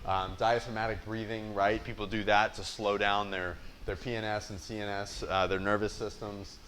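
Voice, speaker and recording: A man's voice: fairly low pitch, flat delivery, normal speed, fairly bright tone, slight background noise. A young American man giving a casual, blunt explainer as a fitness coach, often checking in with listeners. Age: young adult. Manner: blunt, conversational, with rhetorical check-ins. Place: indoor gym space.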